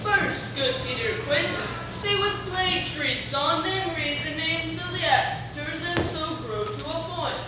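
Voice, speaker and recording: A very high-voiced, boastful weaver played by a woman declaims grandly and slowly in a stage Shakespeare comedy. The sound is distant and swimming in echo. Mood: eager. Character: boastful, stagestruck male weaver eager for every part. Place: echoey performance space, recorded from a distance. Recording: echoey, noisy hall from far off.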